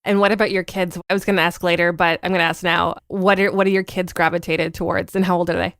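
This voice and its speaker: A woman's voice: fairly low pitch, little pitch movement, quick pace, fairly bright tone, no room sound, studio quality. Bubbly woman hosting a podcast. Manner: bubbly, laughs often. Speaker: podcast host. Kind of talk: podcast interview.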